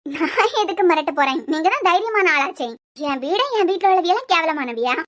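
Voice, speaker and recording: A woman's voice: very high voice, expressive, brisk. A woman voicing a proud young wife in a cartoon series who fiercely defends her family, lecturing and defiant, with a Kanyakumari Tamil accent. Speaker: cartoon character. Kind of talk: cartoon web series dialogue.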